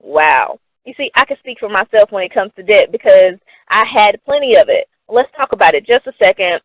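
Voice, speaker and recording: A young woman pitches a financial program in an upbeat, persuasive way, often posing questions and answering them herself. Her voice sits at an ordinary pitch. The recording is dry and narrow, like a phone line. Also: animated, a little fast, no room sound. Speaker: company presenter. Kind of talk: scripted sales presentation.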